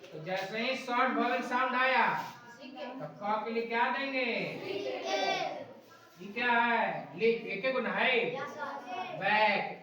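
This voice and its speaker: A woman's voice: fairly high pitch, slow, long pauses, crowd noise. A woman teaching an English class, quizzing her students with repeated questions and tag checks. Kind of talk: classroom lesson. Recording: echoey room recorded from far off.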